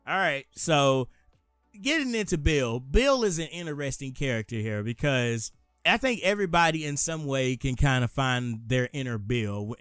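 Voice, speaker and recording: A man's voice: medium pitch, a bit bright, clean tone, no room sound. A man co-hosting a casual movie talk, rambling and correcting himself in an upbeat way. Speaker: co-host.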